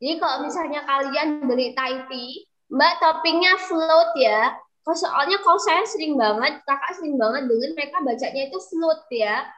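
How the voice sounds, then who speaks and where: Guru perempuan bersuara tinggi, santai. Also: female voice, high-pitched, a little fast, fairly bright tone. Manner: chatty, calls herself kakak, coaxes students to answer. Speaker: English tutor. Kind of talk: online class teaching. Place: room growing dark, using a flashlight. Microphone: video call. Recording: dull lo-fi video call audio.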